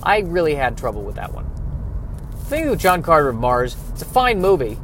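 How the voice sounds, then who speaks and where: Animated man riffing on movies. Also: on the high side, brisk, slight background noise. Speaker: podcast host. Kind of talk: comedic movie riff.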